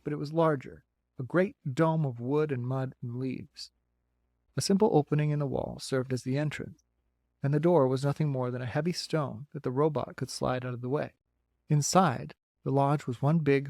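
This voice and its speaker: A man narrating a children's novel as an audiobook in a steady, clear storytelling voice, recorded close to the mic. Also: medium pitch, no echo. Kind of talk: reading a children's novel aloud.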